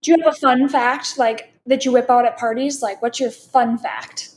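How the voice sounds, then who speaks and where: A woman hosting a podcast, asking questions in a clear, explanatory way. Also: on the high side, steady tone, normal speed. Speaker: podcast host.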